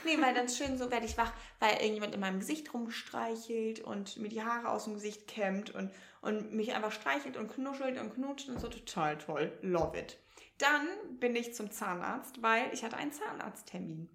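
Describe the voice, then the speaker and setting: A young woman with a slightly high voice and some vocal fry co-hosts a podcast at normal speed, chatting casually. She tells stories in an animated way, acting out quoted dialogue, and the recording has a roomy echo.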